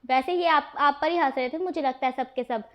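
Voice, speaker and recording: A woman's voice: high voice, fairly quick, muffled recording, close to an everyday voice. A woman voicing a playful, bossy young man who teases and pouts in a storytelling reading. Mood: teasing. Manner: cheeky, mock-stern, sulky.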